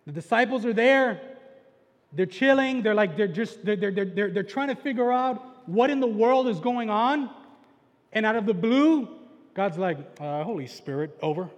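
A young man preaching in a loose, chatty way, tossing in "like" and "right?" constantly and building to loud excitement when he retells the story. His voice sits notably high for a man. It rings out with the long, lingering reverb of a large church sanctuary. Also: moderate pace. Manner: relaxed slangy delivery with frequent "like" and "right?" asides. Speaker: pastor. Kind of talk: casual, conversational sermon.

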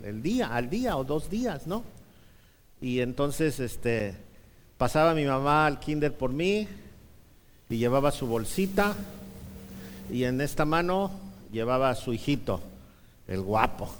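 A man preaching a sermon, telling a childhood story with humor and rhetorical questions. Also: fairly high pitch. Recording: reverberant hall.

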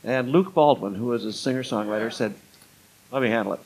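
A man's voice: medium pitch, fairly quick, rough recording. Older guy in an interview just reminiscing, kinda rambly, tells stories with bits of dialogue. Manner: rambling, conversational, voices quoted speech in stories. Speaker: interview guest, retired music club booker. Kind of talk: anecdotal storytelling in an interview.

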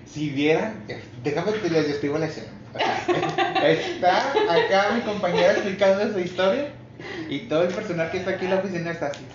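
A woman's voice: on the low side, fairly quick. A Mexican woman with a Mexican accent hosting a podcast, teasing and joking with her guest. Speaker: podcast host. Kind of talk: casual chat. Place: office. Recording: very echoey office, muffled, noisy.

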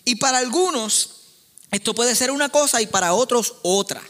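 A man preaches to his congregation in a high, bright voice. He tells stories with humor and acts out the voices of his family members. His voice carries the long reverb of a large hall. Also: normal speed. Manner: animated, joking storyteller who acts out family members. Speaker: pastor. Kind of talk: sermon.

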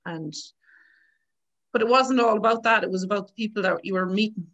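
A woman in her thirties from Galway, Ireland, speaks with a west of Ireland accent at a fairly quick pace, her medium-pitched voice a bit bright. As an interview guest, she tells her story in an informal, chatty way, often quoting past exchanges.

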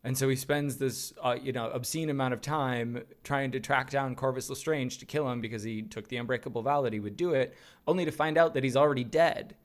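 A man in his thirties, co-hosting a podcast and chatting casually with an animated, storytelling manner. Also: medium pitch, a little fast, hardly any pauses. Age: 30s. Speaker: podcast co-host. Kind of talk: casual chat.

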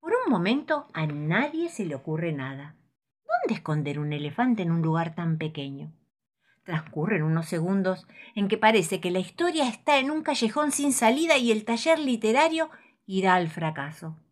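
A woman reading a children's story aloud in an expressive, playful way. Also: mid-range voice, normal speed. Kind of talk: storybook read-aloud narration.

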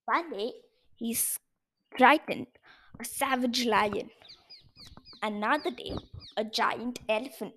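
Slow, expressive woman storyteller. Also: fairly high pitch. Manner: slow, deliberate and expressive, stressing key words. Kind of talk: reading a children's story aloud.

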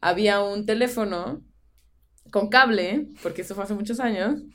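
A woman's voice: medium pitch, normal speed, fairly bright tone. A young woman with a Mexican Spanish accent, co-hosting a podcast and telling a spooky personal story in casual chat, dropping in English phrases. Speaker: podcast co-host.

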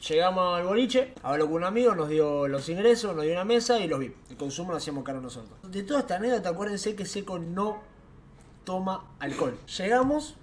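A young man with an Argentine accent telling a night-out anecdote in casual, slangy, animated chat. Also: high voice, brisk, a little hiss or hum. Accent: Argentine Rioplatense Spanish. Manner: animated, slangy, laughs as he tells it. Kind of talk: casual storytelling.

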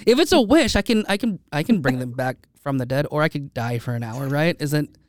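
Brief: male podcast host, smooth resonant voice, a bit high, rambling casual chat. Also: animated, a little fast, dry recording, studio quality. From United States. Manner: rambling, with many restarts and fillers. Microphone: studio microphone.

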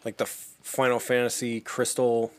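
A man's voice: medium pitch, monotone, moderate pace, no room sound. A man hosting a casual gaming podcast, keeping the talk moving.

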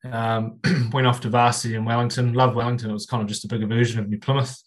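Kiwi guy as podcast guest, medium pitch, casual chatty nz accent. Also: little pitch movement, quick pace. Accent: New Zealand. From New Zealand. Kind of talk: casual chat.

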